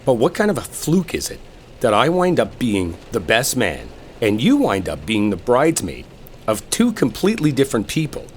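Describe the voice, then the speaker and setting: A man acts the part of a sarcastic, irritated male coworker picking a fight behind the wheel, swearing and arguing in bitter exasperation for an enemies-to-lovers audio roleplay. His mid-range pitch swoops wildly at a moderate pace. A rainstorm and vehicle sounds play behind him.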